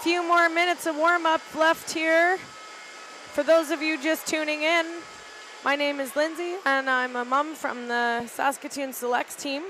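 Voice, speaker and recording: A middle-aged woman giving casual, halting live play-by-play commentary from an arena balcony, with lots of "uh" fillers. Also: high voice, flat delivery, sharp tone, a little hiss or hum, poor audio. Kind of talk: live amateur sports commentary. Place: arena balcony above the rink.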